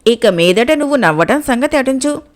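A woman's voice: sits high, animated, moderate pace. A woman voicing a simple, demanding fisherman in a storybook reading, pressing his questions insistently. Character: simple, demanding male fisherman, grown man.

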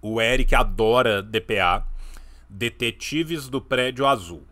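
A man's voice: medium pitch, unhurried, bright, forceful tone. A man in his thirties with a Brazilian accent, hosting a casual live reaction stream with emphatic, ironic asides.

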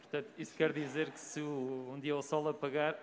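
A man's voice: fairly high pitch, level tone, fairly quick. A man moderating the audience questions with short, plain prompts. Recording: reverberant hall, faint room noise.

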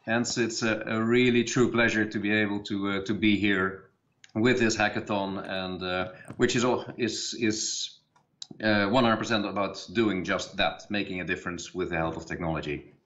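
A man's voice: fairly low pitch, steady tone, normal speed, a bit bright. A middle-aged man from the Netherlands, a guest company head introducing himself on a video call from an office, friendly and hesitant with many fillers. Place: office with a chair behind. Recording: dull video call audio.

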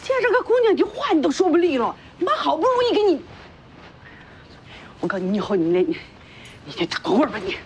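A woman's voice: lowish voice, fairly even intonation, rapid-fire, a little mellow, slight background noise, lightly acted. An actress playing an older village mother from northeast China, fussing, scolding her son and soothing a girl, with a Northeastern accent. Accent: Northeastern Chinese. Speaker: mother of Bingkun. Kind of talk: TV drama acting.

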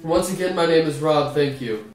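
A man in his twenties hosting in a mock-mystical storytelling style, deadpan with dramatic pauses. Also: a little high, faint music behind. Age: 20s. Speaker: host of a comedic dream diary video series. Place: small indoor room at home. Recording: echoey small room, distant mic.

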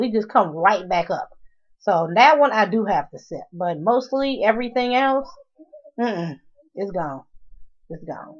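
A middle-aged woman vlogging casually to camera, frank and chatty, grumbling and laughing as she talks. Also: medium pitch. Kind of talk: casual vlog talk to camera. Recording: dull lo-fi home video sound.

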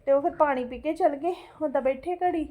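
A woman's voice: high voice, brisk, dark tone. A middle-aged woman with a Punjabi accent, chatting casually as a home vlogger in a fretful, exclamatory way, repeating herself and checking for agreement. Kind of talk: casual chatty storytelling to viewers.

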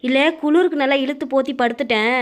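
A woman performing comic husband-and-wife skits, teasing with quick comebacks. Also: high voice, a little hiss or hum. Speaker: comedy sketch performer.

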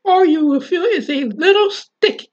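Woman reading a calm family doctor. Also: very high voice, a little slow. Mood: reassuring. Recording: dull lo-fi recording.

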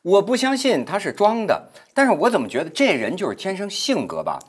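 A man's voice: high voice, a little fast, breathy edge. A middle-aged male talk show host spins an anecdote in casual chat. His voice rises and falls widely, and he acts out the people he quotes with relish. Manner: animated storyteller, acts out quoted speech, frequent word repeats.

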